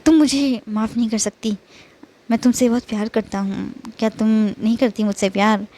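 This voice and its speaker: A woman's voice: fairly high pitch, fairly even intonation, normal speed, dark tone, close to an everyday voice. A woman reading the part of a smitten young husband who coaxes and pleads with his wife in an audiobook romance. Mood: pleading. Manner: coaxing, pleading. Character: smitten young husband, shy but persistent.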